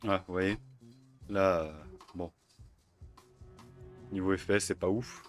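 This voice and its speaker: Chill guy doing a tutorial, lowish voice, lots of umms, bit of music. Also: steady tone, slow pace. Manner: hesitant, many fillers and self-corrections. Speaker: tutorial host. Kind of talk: casual screen-recorded tutorial.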